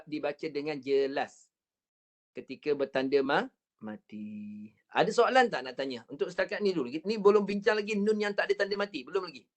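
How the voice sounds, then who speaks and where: Over a computer mic on a video call, a Quran recitation teacher with a Malaysian Malay accent runs an online lesson in a slightly high voice. He patiently drills each sound, counts off repetitions, and draws words out very slowly when demonstrating.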